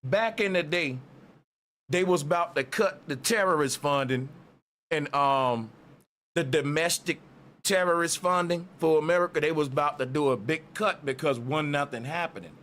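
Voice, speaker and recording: A man's voice: a little high, moderate pace, a bit bright. A man giving casual, opinionated commentary to his viewers in a slangy, streetwise, conspiratorial exposé manner. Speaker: online commentary host. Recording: noticeable background noise.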